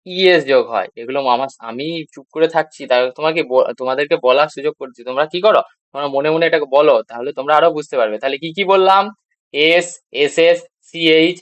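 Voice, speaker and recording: Patient teacher spelling letters aloud. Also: male voice, on the high side, a bit bright, dry recording. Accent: Bengali. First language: Bengali. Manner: asks rhetorical questions and answers them, repeats spelled letters. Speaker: English teacher. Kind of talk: classroom grammar lesson.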